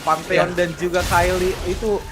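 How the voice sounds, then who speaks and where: A man with a colloquial Jakarta Indonesian accent giving excited analytical game commentary, exclamatory and full of English gaming terms. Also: high voice, moderate pace, music in the background.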